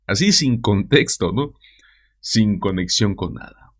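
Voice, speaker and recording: A man's voice: fairly low pitch, expressive, measured pace, fairly bright tone, breathy edge. A man hosting a news commentary show, talking straight to his viewers with mocking asides.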